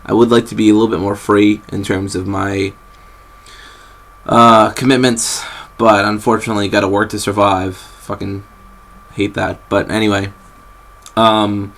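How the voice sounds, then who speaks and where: Rambling low gravelly young man. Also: level tone, measured pace, long pauses, a bit bright. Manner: rambling, apologetic, with many fillers and restarts. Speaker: vlogger. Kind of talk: rambling casual vlog. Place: bedroom, sitting on a bed. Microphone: built-in camera mic.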